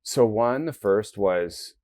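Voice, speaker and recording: A man's voice: lowish voice, animated, slow pace, darkish tone, dry recording, studio quality. A man being interviewed as a company founder, explaining earnestly and acting out the thoughts of nervous people. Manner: earnest, explanatory, acts out quoted self-talk. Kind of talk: interview conversation.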